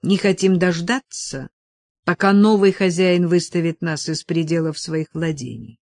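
A woman's voice: fairly low pitch, expressive, a little slow, darkish tone, no echo. A woman reading the lines of a grave, restrained aging nobleman in an audiobook, speaking earnestly.

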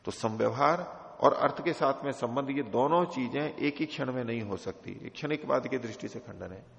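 A male teacher giving a scripture commentary lecture, reciting Sanskrit lines slowly and then explaining them in a measured way. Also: mid-range voice, gravelly, a bit bright. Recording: dull recording in a reverberant hall.

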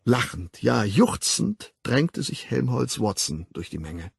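Male audiobook narrator, dramatic storytelling, husky voice, gravelly fry, dry close sound. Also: medium pitch, very animated, takes it slowly, no room sound. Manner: dramatic, shifts into character voices. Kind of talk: scripted novel narration.

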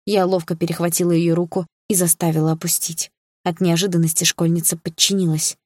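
A woman narrating an audiobook in the first person, calm and steady. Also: fairly low pitch, brisk, no echo, clean studio sound.

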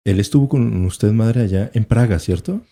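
A man's voice: fairly low pitch, normal speed, mellow, no room sound. A man hosting a radio show, reading announcements and respectfully interviewing a guest. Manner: respectful, addresses guest as "madre". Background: music.

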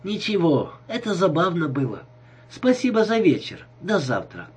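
A man's voice: high-pitched, sing-song, normal speed, darkish tone, husky, pitched above the performer's own voice, exaggerated voice. A man doing a coy scheming young woman. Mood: teasing. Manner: coy, teasing.

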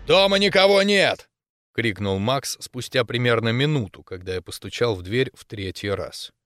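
A man narrating a first-person audiobook in a measured voice with wry, deadpan asides. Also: lowish voice, soft background music.

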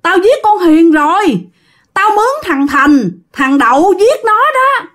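A woman voicing a crazed old woman on her deathbed, screaming in a shrill, frantic voice. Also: big pitch swings, slow pace, a bit bright, exaggerated voice. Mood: frantic, terrified. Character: dying old woman, crazed, confessing a murder.

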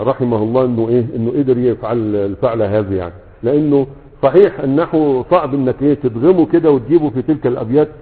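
A man with an Egyptian Arabic accent and a medium-pitched voice delivers a brisk grammar lecture to a class, talking fast and often stopping to ask quick rhetorical questions to make sure his students are following. The audio is tinny and narrow, like a phone line, with a long echo around it.

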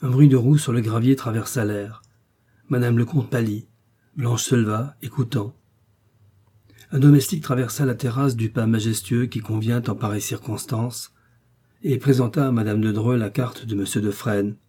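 Dark, husky male audiobook narrator. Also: mid-range voice, fairly even intonation, normal speed. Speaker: audiobook reader.

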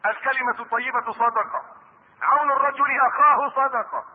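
Egyptian male preacher, high-pitched and emphatic, repeats key phrases, tinny lo-fi tape with long hall reverb. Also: fairly even intonation, a little fast. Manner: emphatic, repeats key phrases and swings between loud stresses and low asides. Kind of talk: sermon. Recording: tinny lo-fi lecture recording in a big reverberant hall.

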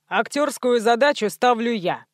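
A woman's voice: a little high, expressive, normal speed, no room sound, studio quality, natural voice. Woman reading as a rude bossy male director. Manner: brusque, rude, commanding.

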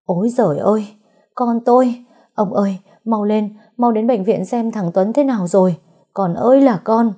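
Một phụ nữ đóng vai bà mẹ chồng lớn tuổi, hống hách, hay quát mắng và gào khóc. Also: female voice, mid-range voice, expressive, brisk, breathy edge. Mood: wailing. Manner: shouting, wailing. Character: domineering older mother-in-law, shrill and scolding.

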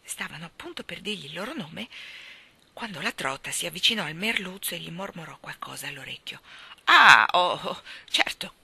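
A woman reads a children's story aloud with plenty of expression. Her voice is bright and rises and falls a lot. She tells the story at an easy, steady pace. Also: lowish voice, a little fast, creaky, slightly rough. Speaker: reader. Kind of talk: children's audiobook narration.

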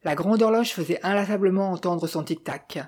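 A woman reading a detective novel aloud with steady, even storytelling. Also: fairly low pitch, a little fast, slightly rough. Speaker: audiobook reader. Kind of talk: scripted narration.

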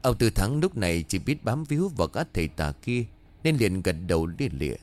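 A man narrating a horror story in a dramatic, expressive way. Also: lowish voice, brisk. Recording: faint background music.

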